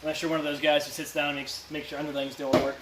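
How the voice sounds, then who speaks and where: A man's voice: a little high, level tone, very fast. A man chatting casually on a cooking livestream in a playful, teasing manner with bursts of silliness. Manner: playful teasing, bursts of silly sing-song. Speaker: live streamer cooking. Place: indoor kitchen. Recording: echoey room, background noise of cooking.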